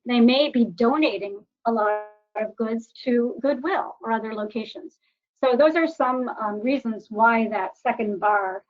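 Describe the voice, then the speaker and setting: Woman talking through a warbly computer connection. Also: on the high side. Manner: hesitant, with frequent ums and restarts. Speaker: webinar presenter. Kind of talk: slide presentation with data. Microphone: computer microphone. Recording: dull, lo-fi computer audio.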